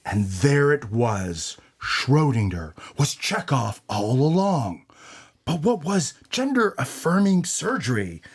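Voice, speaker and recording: A man's voice: medium pitch, big pitch swings, takes it slowly, breathy edge, full character voice. A man playing a brash, dim hard-boiled noir detective in a comedic audio drama, with a tough-guy delivery. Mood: brooding narration.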